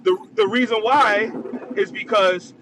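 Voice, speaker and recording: Phoning in to a heated podcast debate from his moving car, a man with a high voice speaks a little slowly over the phone line. He argues insistently and repeats himself to hold the floor, with vehicle noise in the background.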